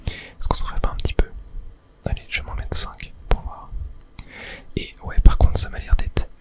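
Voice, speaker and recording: A gaming video host whispers ASMR commentary on a game, thinking aloud to viewers and pausing hesitantly.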